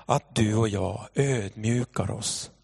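A man in his thirties preaching a sermon in church, telling a personal story with animated delivery. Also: on the low side, creaky, breathy edge, no room sound, studio quality. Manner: animated storytelling, shouting when acting out the scene. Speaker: pastor.

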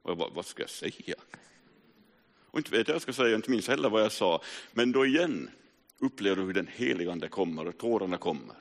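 A man in his forties preaching a personal testimony sermon, telling his story earnestly with sudden rises and hushed drops. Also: lowish voice, animated, gravelly. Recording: reverberant hall.

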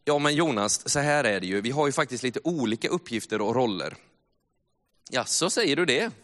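A man's voice: medium pitch, animated, fairly bright tone. A man preaching a sermon as a missionary, telling stories with laughs and growing fervor. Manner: storytelling with laughs and rising fervor. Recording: long hall reverb.

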